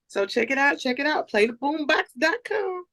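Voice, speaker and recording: A woman's voice: sits high, animated, moderate pace, fairly bright tone. An American woman chatting casually as a talk show guest, informal and slangy with repeated tag phrases. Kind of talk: casual chat.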